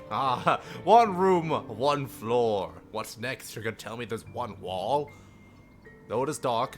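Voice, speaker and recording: A man of medium pitch with a slightly bright voice reads a visual novel aloud on a livestream, tossing in jokes and occasionally stumbling over the text. Music plays behind him.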